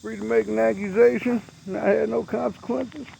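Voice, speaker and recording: A man's voice: high voice, fairly even intonation, normal speed, vocal fry, mellow, slight background noise, low-quality recording. A man, ranting bluntly and profanely to camera outdoors as a vlogger. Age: 60s.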